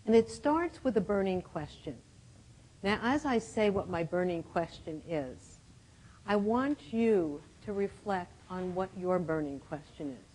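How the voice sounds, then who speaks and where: A woman in her seventies giving a reflective storytelling talk to a conference audience, often clearing her throat. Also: lowish voice, expressive, a little slow, a little mellow, low-quality recording. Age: 70s. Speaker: conference speaker.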